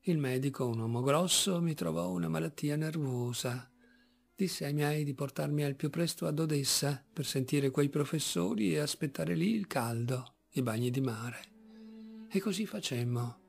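A man reading a literary story aloud as an audiobook, measured and expressive. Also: fairly high pitch, creaky, slightly rough, faint music behind. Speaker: audiobook reader.

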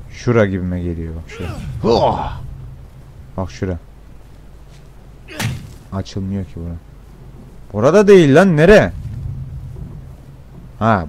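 A young man commenting on his gameplay, excitable and swearing a lot, with sudden shouts. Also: low voice, a little hiss or hum. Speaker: gameplay streamer.

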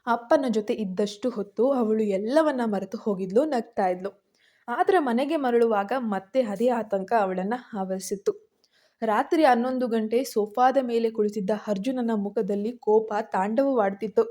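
A woman narrating a story in a steady, even reading. Her voice is fairly high and sounds warm and mellow. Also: moderate pace.

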